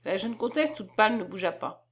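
An audiobook narrator with a medium-pitched woman's voice reads a classic novel aloud. Her scripted literary narration is measured and even, in a storytelling style.

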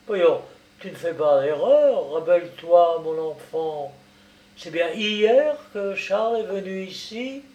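A man voicing an old cashier who pleads in loud, agitated bursts, in an audiobook. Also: high-pitched, animated, takes it slowly, muffled recording. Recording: roomy, distant mic.

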